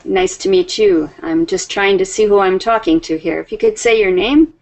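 A woman in her fifties teaches an online English class over a webcam video call from a room at home, speaking slowly and warmly, patient and friendly with her students and laughing often. Her mid-range voice moves at normal speed with a darkish tone. The audio is poor, with slight background noise.

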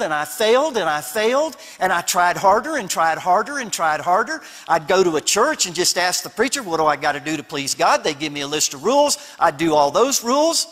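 Male pastor, high voice, homespun storytelling sermon with emphatic repeats; long church-hall reverb. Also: fairly bright tone. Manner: storytelling, humorous and down to earth; emphatic repetition. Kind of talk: conference sermon.

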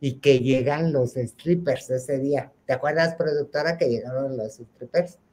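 A man's voice: medium pitch, measured pace, darkish tone. A man with a Mexican accent hosting a show, telling a comic gossipy party story and addressing listeners as sisters. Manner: acts out friends' voices in quotes. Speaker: host.

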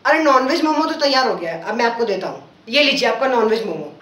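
A man's voice: very high voice, animated, fast, fairly bright tone. A man playing a pushy, sarcastic male momo street vendor who gives snappy replies. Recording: roomy, from far off.

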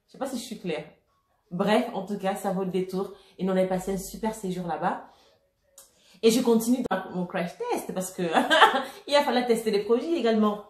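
A woman vlogger chatting casually and excitably while unboxing skincare products, laughing often and using many fillers. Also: medium pitch, normal speed. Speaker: beauty vlogger. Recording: echoey room.

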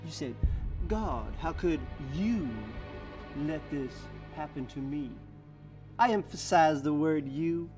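An actor playing a smooth, cunning lawyer who cross-examines in a cool, quietly needling manner. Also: male voice, on the high side, expressive, unhurried, music in the background. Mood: probing.

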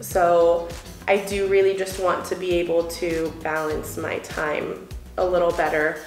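Her voice sits on the low side in this roomy-sounding clip. Filmed by a camera across an indoor room, the young beauty vlogger does her makeup and talks through a casual get-ready-with-me chat, a little sniffly, packing her speech with fillers as she chats and muses about what worries her.

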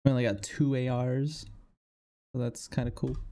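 A man streaming live gameplay and talking through it in excitable, casual gamer slang. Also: mid-range voice, normal speed.

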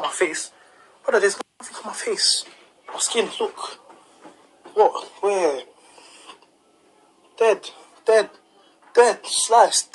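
A man's voice: high-pitched, fairly bright tone, slight background noise, rough recording. A young man talking to camera, emphatic and clipped, repeating short exclamations. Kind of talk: casual talk to camera.

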